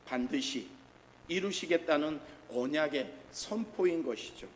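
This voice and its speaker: A man's voice: fairly high pitch, unhurried, slight background noise. A middle-aged man preaching a sermon as pastor in a church, often asking the congregation questions. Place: church sanctuary. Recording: reverberant church hall, faint ambience.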